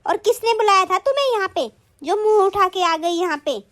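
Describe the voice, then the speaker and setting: A woman voicing a domineering, sharp-tongued sister-in-law in a Hindi cartoon, taunting and scolding. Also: very high-pitched, a little slow.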